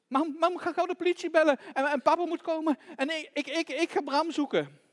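A man voicing a frightened, brave little girl in a children's story, with a high, stammering voice. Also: expressive, fairly quick, long reverb tail. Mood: panicked.

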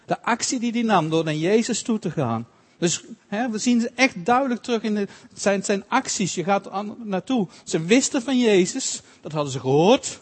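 A man with a high voice preaching a sermon in a space with a long, echoing reverb. He speaks earnestly and haltingly, restarting phrases often and slowing down for quoted scripture. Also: expressive, slightly rough.

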